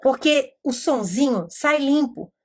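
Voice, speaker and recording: A middle-aged woman from Brazil teaching about literacy in a casual, explanatory way, slowly sounding out letters and telling classroom stories. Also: high-pitched, lively intonation. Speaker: educator teaching literacy methods. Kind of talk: informal teaching talk.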